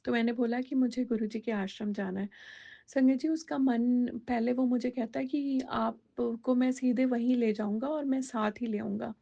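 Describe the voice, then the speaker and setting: A woman's voice: fairly high pitch, steady tone, moderate pace, gravelly, warm tone, dull audio. A woman telling a personal devotional testimony in a conversational way, slipping English words into her talk with many fillers.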